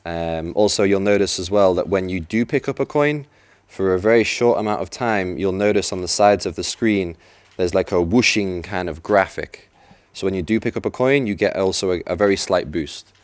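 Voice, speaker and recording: An esports commentator at an event venue calls a live racing video game match, chatty and explanatory as he breaks down tactics, occasionally restarting. He has a low voice at normal speed, and there's no echo.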